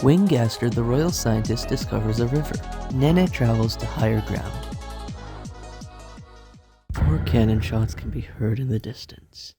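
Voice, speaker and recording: A man's voice: medium pitch, unhurried, gravelly, mellow. Male narrator, hammy stage-actor delivery, dramatic reading of game events, music underneath. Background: background music.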